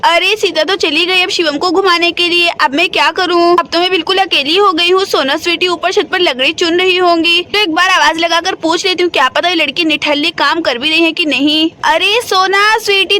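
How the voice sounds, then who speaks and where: Woman voicing scolding village mother, bossy, complaining, very high, bright.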